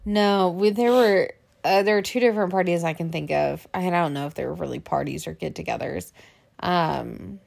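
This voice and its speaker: A woman's voice: on the low side, normal speed, creaky, darkish tone. Lady chatting on a couple's podcast, talky, laughs a lot, loads of "like". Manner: chatty, laughs often, many fillers. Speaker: podcast co-host. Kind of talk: casual chat.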